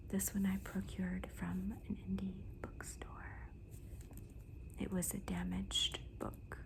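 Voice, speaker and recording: Hushed, whispering woman, slow and creaky. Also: mid-range voice. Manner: slow, deliberate, gentle pauses between phrases. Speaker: host of a book haul video. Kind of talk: soft-spoken ASMR book talk. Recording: noticeable background noise.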